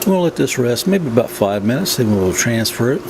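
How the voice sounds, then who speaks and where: In his kitchen, a plain-spoken, folksy man casually narrates a home cooking demonstration with a mid-range voice at a moderate pace. A steady room hum and noise run underneath.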